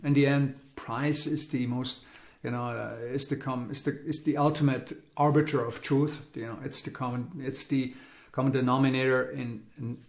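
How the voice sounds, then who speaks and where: A man with a middle-pitched voice talks through a market update in a loose, rambling way, restarting phrases and leaning on fillers. He sounds weary, and the room around him is echoey. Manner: rambling, repeats words, frequent fillers. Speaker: crypto market commentator. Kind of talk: casual market update monologue.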